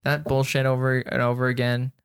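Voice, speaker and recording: A man's voice: medium pitch, monotone, brisk, vocal fry, clear, resonant tone, no echo, studio quality. Rambling casual podcast guy. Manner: rambling, lots of "like" fillers, jokey. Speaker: podcast host. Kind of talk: casual chat.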